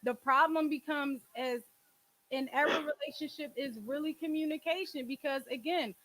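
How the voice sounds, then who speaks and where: Speaking at normal speed in a high, slightly bright voice, this twenty-something podcast and call-in host from Philadelphia gets personal about relationships. She's blunt and emphatic, leaning on street slang and swearing often, and the audio is rough.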